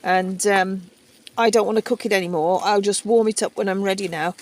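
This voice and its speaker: A woman's voice: mid-range voice, steady tone, brisk, a little hiss or hum. A woman chatting casually to camera as she cooks in a heated tent, thinking aloud as she goes. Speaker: camping cooking vlogger. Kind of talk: casual cooking chat to camera. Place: inside a heated stove tent.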